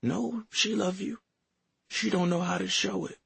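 A man voicing a frail, dying grandmother who speaks softly and tenderly through pain. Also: high voice, steady tone, unhurried, no echo, pitched above the performer's own voice, heavily acted. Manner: soft, breathy, pained.

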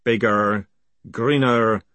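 A man doing a slow, grave ancient golem. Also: fairly low pitch, no room sound. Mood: solemn. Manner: slow, measured, flat and grave. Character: ancient solemn male clay golem messenger.

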